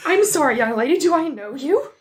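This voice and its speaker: A woman's voice: high voice, expressive, brisk. A woman voicing a friendly, hospitable neighbor lady with a Minnesota accent, in a tabletop game. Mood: folksy helpful.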